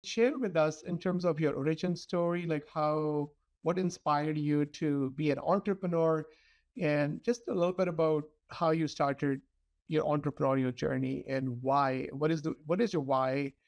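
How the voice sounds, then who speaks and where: A man's voice: fairly high pitch, normal speed, darkish tone. A man who hosts a business podcast, asking loosely phrased questions and responding appreciatively, a first-generation immigrant himself. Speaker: podcast host. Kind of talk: conversational interview.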